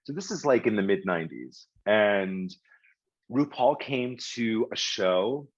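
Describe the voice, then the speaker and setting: A middle-aged publishing executive, appearing as an interview guest, tells stories casually, rambling with lots of fillers and restarts. His lowish voice is animated and unhurried, in a dry, muffled recording.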